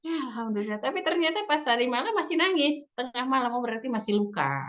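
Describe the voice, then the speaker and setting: Woman, religious teacher, parents' seminar talk, lively storytelling, quotes her kids, laughs often, slightly high voice. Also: quick pace. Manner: often laughs while talking.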